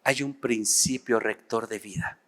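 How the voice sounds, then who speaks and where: A middle-aged pastor with a Mexican accent, telling a story in a lively, animated sermon straight to his congregation. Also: mid-range voice, measured pace. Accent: Mexican Spanish. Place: large church auditorium. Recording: long church reverb.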